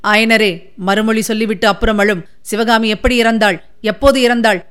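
A woman's voice: mid-range voice, flat delivery, moderate pace, clean tone, close to an everyday voice. Woman voicing a stern young warrior prince. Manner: firm, restrained, commanding.

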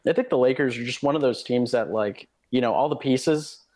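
A man's voice: medium pitch, a little fast, darkish tone. A man in his late teens co-hosting a sports podcast, talking in a laid-back, casual way and often ending lines with "man". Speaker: podcast co-host.

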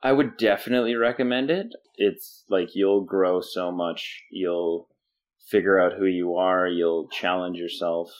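Very low male voice, canadian guy, young adult, lively anecdote teller, chuckles a lot. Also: unhurried. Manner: animated storyteller, laughs often, jumps into quoted voices. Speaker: podcast guest. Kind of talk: casual storytelling interview.

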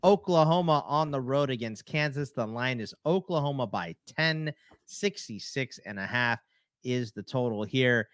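A man's voice: mid-range voice, expressive, moderate pace, no echo, clean studio sound. A man hosting a sports podcast, easygoing as he hands off questions and moves to the next game. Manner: easygoing, moves the show along. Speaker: podcast host. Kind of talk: casual sports chat.

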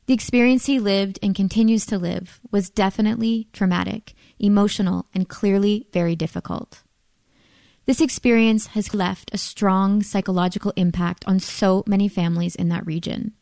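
A woman reporter giving serious, steady scripted news narration. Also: medium pitch, no echo, clean studio sound.

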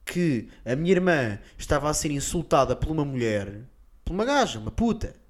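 A man's voice: fairly high pitch, big pitch swings, brisk. A young man with a European Portuguese accent, co-hosting a comedy podcast with brash, theatrical banter. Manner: brash, theatrical, swings between loud outbursts and mumbles.

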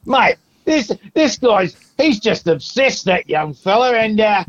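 A man playing a gruff middle-aged Australian father who rambles and stammers through a prank call to a comedy podcast. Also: sits high, very animated, measured pace, fairly bright tone, full character voice. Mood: complaining. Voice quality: gravelly, rambling, stammering restarts. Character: gruff middle-aged Aussie dad grumbling about his son. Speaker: prank caller. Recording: dull lo-fi phone line.

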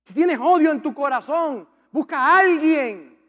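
A man's voice: very high-pitched, expressive, a little slow, pushed and bright. A man preaching a sermon as a pastor, impassioned and repetitive as he urges the congregation on. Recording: long reverb of a large hall.

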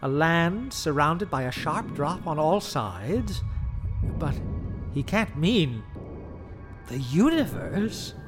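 An actor playing a learned, formal man who speaks in ornate, deliberate phrases. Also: on the high side, very animated, over music. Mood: awed. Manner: formal, ornate, slow speech.

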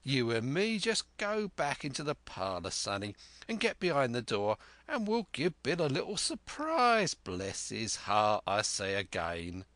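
A man's voice: mid-range voice, wildly swooping pitch, a little slow, a bit bright, no echo. A man voicing a sly, menacing male pirate who is half fawning, half sneering, talking in an old sailor's dialect. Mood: wheedling.

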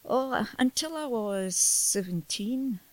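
A woman's voice: a little high, lively intonation, takes it slowly, dry recording. A woman in her sixties from Scotland with a Scottish accent, a storyteller talking casually on a podcast, laughing often and poking fun at herself. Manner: chatty, laughs often, self-deprecating. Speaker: storyteller guest.

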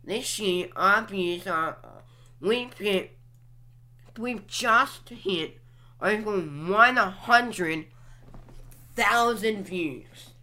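Slow-talking bright-voiced young woman. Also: medium pitch. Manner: drawn-out, musing, talks while clicking through apps. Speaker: podcast host reviewing her channel stats. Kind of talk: casual solo commentary.

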